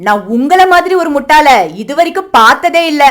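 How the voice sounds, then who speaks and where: A woman voicing a scheming, sharp-tongued young wife. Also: high-pitched, animated, brisk. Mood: scolding. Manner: nagging, sarcastic and demanding. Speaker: elder daughter-in-law. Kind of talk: cartoon voice acting.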